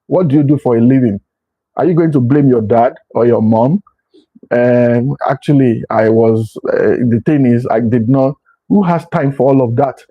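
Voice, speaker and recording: A middle-aged man speaks with a husky, slightly higher voice, lecturing earnestly on life choices. He often repeats himself and restarts his sentences as he presses each point home. The sound is dull and lo-fi. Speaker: motivational speaker. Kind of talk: motivational talk to camera. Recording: dull lo-fi recording.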